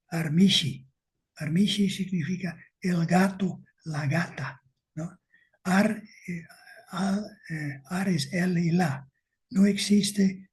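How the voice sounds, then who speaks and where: Slow, husky-voiced male lecturer. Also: high voice, dark tone. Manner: slow and deliberate, checks with listeners. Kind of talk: academic lecture with slides.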